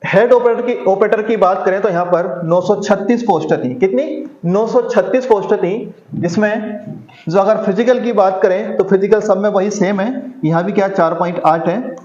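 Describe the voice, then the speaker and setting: Here an exam coaching teacher, whose voice is high with a darkish tone, works through prep material by posing rhetorical questions and answering them himself. He repeats the key figures, and the recording sounds dull, lo-fi and echoey.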